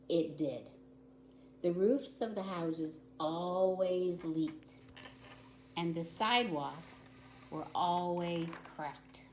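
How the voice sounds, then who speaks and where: During a children's story time, a warm, lowish-voiced woman volunteer reads aloud, explaining simply and breaking off for chatty asides and questions to the little ones. There's a roomy echo and noticeable background noise.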